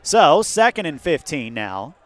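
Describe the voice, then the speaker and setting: A man with an American accent doing live football play-by-play outdoors atop a windy press box, lifting into excitement on big plays. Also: a little high, unhurried. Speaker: play-by-play sports announcer. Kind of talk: live American football radio-style commentary. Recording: windy outdoor stadium broadcast.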